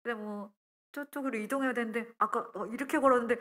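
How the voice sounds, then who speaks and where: A young woman preaching a testimony sermon in a lively storytelling style. She acts out her own quoted words as she goes. Her voice has a bright edge. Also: fairly high pitch, quick pace.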